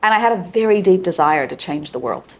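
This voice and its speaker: Low-voiced Australian woman telling her story. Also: a little fast. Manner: candid, animated storyteller. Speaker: guest, psychologist. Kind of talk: personal storytelling in conversation.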